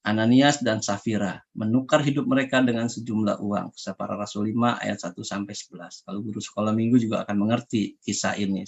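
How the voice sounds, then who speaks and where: A man's voice: lowish voice, dull audio. A man preaching as a pastor, talking to the congregation in a chatty, conversational way and often calling them brothers and sisters. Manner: conversational, repeatedly addresses the congregation as "saudara". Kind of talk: sermon.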